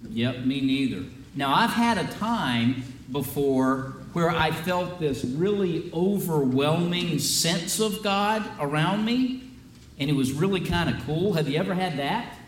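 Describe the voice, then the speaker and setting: Pastor giving a children's sermon, echoing. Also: male voice, on the high side, expressive, a little slow, slight background noise. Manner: chatty, asks children many questions. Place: church sanctuary. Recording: roomy, from a distance.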